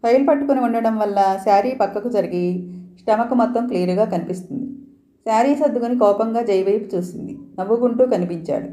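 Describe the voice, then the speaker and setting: A woman storyteller calmly reading a romance story aloud. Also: fairly high pitch, fast talker, echoey room.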